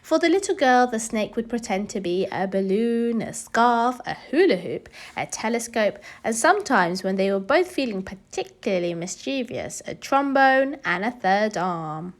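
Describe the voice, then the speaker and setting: A children's story is read aloud by a woman whose voice is on the high side, her delivery expressive and deliberate.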